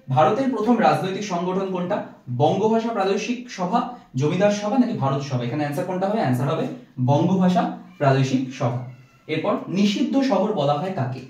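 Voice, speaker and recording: A man teaching a rapid exam-revision lesson, reading options and then giving each answer. His voice sits a little high and moves at a brisk clip. It is heard from a distance in a strongly echoing room. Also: warm tone. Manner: reads options, then gives answers with fillers; mixes English words into speech. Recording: very echoey, from far off.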